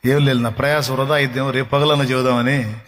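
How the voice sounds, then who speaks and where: A man's voice: mid-range voice, little pitch movement, fast, a bit bright, a little hiss or hum. A male pastor preaching a sermon, emphatic and blunt, firing rhetorical questions at his listeners and teasing them.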